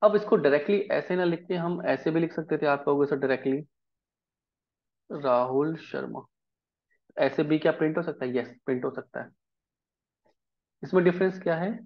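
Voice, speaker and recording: With a voice on the high side, a man leads a live programming lesson in Hindi at normal speed, pausing often. He explains each step and regularly checks that the class keeps up, and the sound is lo-fi.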